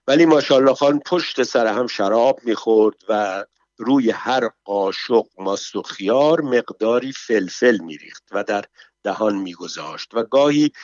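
A man narrating a story in a steady, measured reading, in a dull, dry recording. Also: on the low side, dry recording. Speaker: audiobook narrator.

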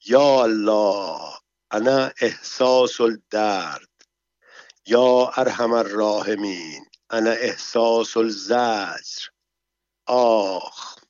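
A man's voice: lowish voice, darkish tone, no echo, close to an everyday voice. A man reading a storybook, voicing a fussy nobleman disguised as a pregnant woman who whines and moans in a thin put-on voice, on a dull, dry recording. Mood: moaning. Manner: whining, moaning in a thin put-on voice.

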